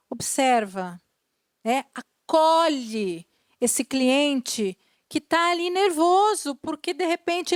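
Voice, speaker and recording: A woman's voice: sits high, dry recording, clean studio sound. A middle-aged woman, giving a corporate training lesson and talking straight to her viewers. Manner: animated, addresses the viewers as "gente", often says "né" and "tá".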